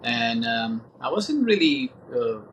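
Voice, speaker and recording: A man in his sixties, appearing as an interview guest, reflects thoughtfully and without hurry, halting and pausing often as he gathers his words. His middle-pitched voice is very animated and fairly bright, on a rough recording with a faint hiss behind it.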